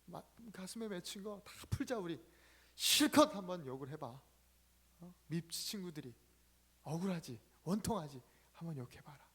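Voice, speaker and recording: A man doing a soft-spoken tender mother. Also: a little high, expressive, moderate pace. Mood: tender coaxing. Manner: soft, hushed and coaxing. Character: gentle, tender mother comforting her son.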